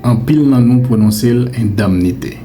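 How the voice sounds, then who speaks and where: Haitian guy correcting how you say words, warm low-key voice, says em slow over and over, bit of faint noise. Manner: emphatic, repeats words slowly to correct them; playfully scolding, calls mispronunciations mean. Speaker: French pronunciation teacher. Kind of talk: direct-to-camera language lesson.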